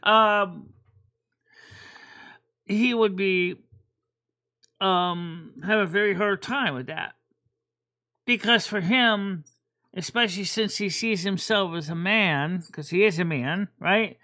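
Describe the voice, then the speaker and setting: A woman hosts a casual livestream chat in a bright, forceful voice. She rambles and often repeats words as she works through her thoughts. Her pitch sits right in the middle. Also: slow pace, long pauses. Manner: rambling, repeats words while thinking aloud. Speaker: host.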